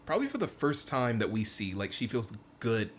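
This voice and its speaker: A man's voice: mid-range voice, sing-song, fairly quick, a little hiss or hum. A man co-hosting a casual book-discussion podcast, chatty and giggly. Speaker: podcast co-host.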